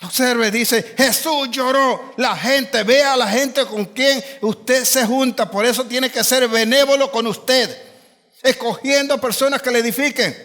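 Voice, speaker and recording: A man's voice: very high-pitched, unhurried, bright, forceful tone, big-room sound. A man preaching a sermon as pastor, driving his points home with repetition and rising emphasis.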